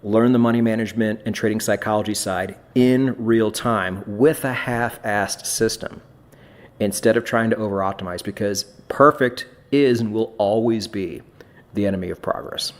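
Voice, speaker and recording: A fairly low-pitched man talking as a podcast host. He speaks bluntly and casually, swears freely and often restarts his phrases. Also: normal speed.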